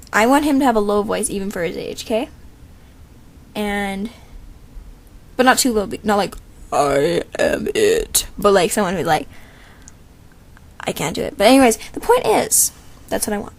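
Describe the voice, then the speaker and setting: Gravelly rambling woman. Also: mid-range voice. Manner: rambling, full of fillers. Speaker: show creator holding voice auditions. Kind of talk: casual casting call.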